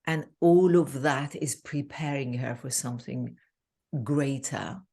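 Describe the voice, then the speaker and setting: A woman in her fifties from Iran, a relationship coach, talking casually on a video call with many pauses and fillers. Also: rumbling low, mellow. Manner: halting, many fillers, laughs easily. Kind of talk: casual interview chat.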